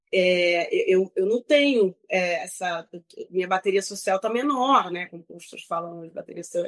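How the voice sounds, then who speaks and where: A woman's voice: mid-range voice, a little mellow, rough recording. A woman with a Brazilian Portuguese accent, speaking as an interview guest in a frank, rambling, self-critical way with many restarts. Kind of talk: candid conversational interview.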